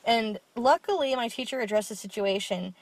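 A woman's voice: on the high side, moderate pace, dry recording. A young woman co-hosting a podcast, telling stories candidly and swearing freely in casual chat. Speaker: podcast co-host.

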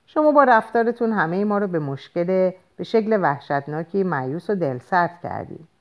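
A woman's voice: on the low side, expressive, natural voice. A woman voicing a cold, curt married woman answering the phone in an audiobook. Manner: cold and clipped.

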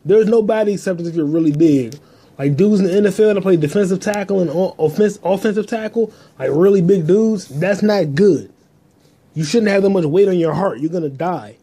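A man's voice: sits high, fairly quick, warm tone, slightly rough. A man hosting a solo podcast, talking in a crude, rambling, profane way into a phone held in his hand. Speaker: podcast host. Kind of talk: casual solo monologue.

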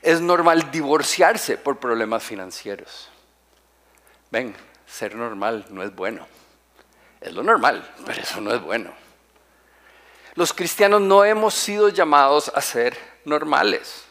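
A male pastor delivers a sermon in a lively voice whose pitch swings widely. He hammers his points by repeating and slowing key phrases. He keeps putting rhetorical questions to the congregation.

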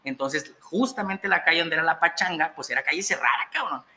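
A man's voice: on the high side, fairly quick, creaky, pushed and bright. A young man with a Mexican accent telling a story in casual, profane, slang-heavy chat and laughing as he goes.

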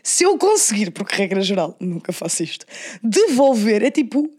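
A young woman with a European Portuguese accent co-hosts a podcast, chatting casually with slang and slipping into English phrases. Her voice is medium-pitched and sing-song, with a darkish, slightly rough tone, at a moderate pace.

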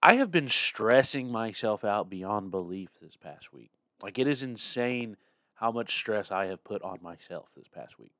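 His voice is lowish, fairly bright and lively in intonation, moving a little slowly as this young co-host, still getting over a cold, rambles through a casual podcast chat. He sounds tired, yawns and laughs a lot.

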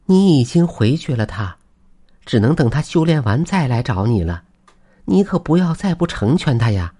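A man's voice: medium pitch, big pitch swings, normal speed, warm tone, pitched above the performer's own voice. A man voicing a farmer's wife who earnestly urges her husband. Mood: urging. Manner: earnest, pleading. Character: village wife, earnest and urging.

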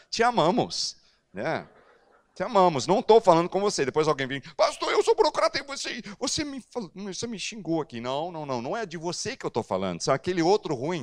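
A man preaching as pastor, telling a personal story and acting out the dialogue. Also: on the high side. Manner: animated, acts out dialogue. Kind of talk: storytelling sermon.

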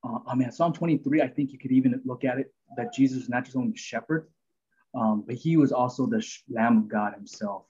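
A male podcast host talks through Bible passages in casual teaching chat, earnest and rambling, with many fillers and restarts. His medium-pitched voice is brisk, a little mellow and breathy, and the highs are cut off.

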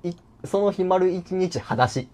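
A man's voice: high voice, expressive, unhurried, darkish tone. A man in his twenties with a Kansai accent, chatting casually as a podcast co-host, teasing and laughing often. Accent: Kansai Japanese. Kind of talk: casual chat.

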